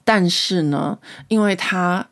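A woman, hosting a podcast and telling a story in a casual, animated way. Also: on the low side, slow pace, gravelly. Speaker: podcast host.

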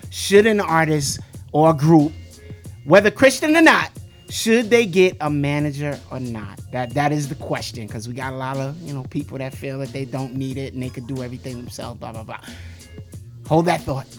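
A man's voice: mid-range voice, normal speed, soft background music. A man hosting a radio interview, casually probing his guest with follow-up questions. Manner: casual, probing, pushes for answers. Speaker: radio show host.

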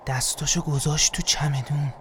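A man's voice: a little high, little pitch movement, background noise, close to an everyday voice. A man playing an eerie companion who makes short, obsessively repeated, cryptic remarks in a surreal audio drama. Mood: watchful.

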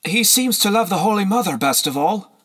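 Young female slave in a storybook, man putting her on, husky, raised pitch, wary, respectful. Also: animated, fairly quick, a bit bright, exaggerated voice.

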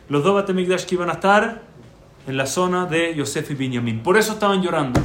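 A man teaching Torah in conversation, telling stories and asking rhetorical questions. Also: fairly high pitch. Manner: animated storyteller, asks rhetorical questions. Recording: echoey room with faint background noise.

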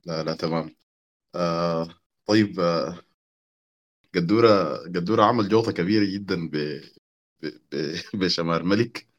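Man, very low voice, measured reflective talk. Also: dull audio. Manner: measured, thoughtful, with hesitations. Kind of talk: reflective spoken introduction to poetry.

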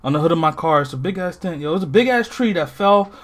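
A man with a high, very lively voice that swoops up and down as he tells a story. He is a podcast co-host in loose, casual chat. He acts out his own reactions and swears freely. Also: fast.

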